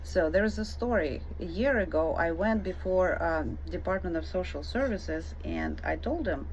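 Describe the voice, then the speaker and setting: A middle-aged Ukrainian woman with a Ukrainian accent records a direct-to-camera rebuttal vlog, answering a comment. Her voice is on the low side and animated, at a normal speed, and she speaks emphatically and indignantly to the viewer. The audio is dull and lo-fi with faint noise.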